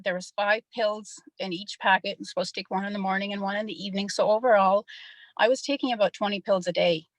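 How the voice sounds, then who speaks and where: A woman's voice: medium pitch, fairly even intonation, fast talker, no room sound, low-quality recording. A middle-aged woman, somewhat nervous, giving a personal testimonial on a group call.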